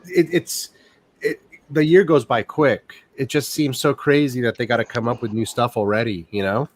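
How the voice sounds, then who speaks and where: A man's voice: mid-range voice, steady tone, moderate pace, no echo. A man hosting a casual live chat over a video call, chatty and musing. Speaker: host.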